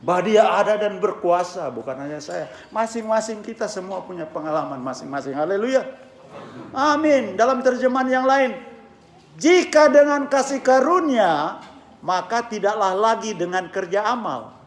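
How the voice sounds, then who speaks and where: A male pastor preaching a sermon with a hoarse voice, swinging from hushed tones to shouting and mixing English phrases into his talk. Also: high-pitched, animated, normal speed, echoey room. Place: church.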